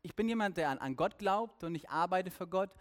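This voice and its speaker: A man voicing an older male missionary who speaks in a hesitant, stammering, hushed way. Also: high voice, animated, a little fast, in a large hall. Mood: faltering.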